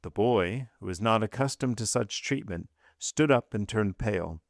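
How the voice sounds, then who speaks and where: A man narrating a classic novel as an audiobook in a measured, even way. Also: lowish voice, no echo, clean studio sound.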